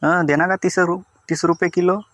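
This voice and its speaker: A man's voice: high voice, steady tone, normal speed, fairly bright tone, a little hiss or hum. A man voicing a stingy, haggling village customer with a Vidarbha Marathi accent. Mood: wheedling. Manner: wheedling, haggling.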